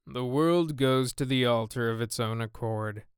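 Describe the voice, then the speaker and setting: A man playing a witty, cynical aristocratic gentleman with a languid, drawling manner. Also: medium pitch, measured pace, smooth, no echo, clean studio sound, close to an everyday voice. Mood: amused, cynical.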